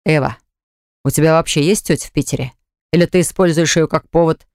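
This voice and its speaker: A man reading an audiobook, voicing a stubborn young man who slowly and insistently presses his point. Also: steady tone, no room sound, lightly acted. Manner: low, slow, persuasive and pressing. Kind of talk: audiobook character voice. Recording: dry close studio recording.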